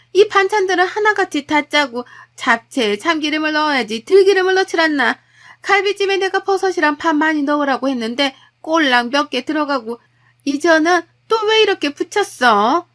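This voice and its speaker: Brief: scolding mother-in-law with a high, cutting voice, a woman reads her. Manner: nagging, scolding, high and loud.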